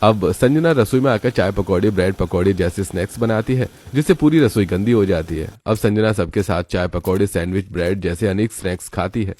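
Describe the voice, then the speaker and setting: Low-voiced male cartoon narrator. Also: fairly quick, hardly any pauses, a little mellow. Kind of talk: scripted narration.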